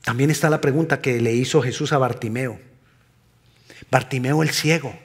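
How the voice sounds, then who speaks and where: A male pastor preaching a sermon emphatically, swinging between loud passages and hushed ones. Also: mid-range voice, moderate pace.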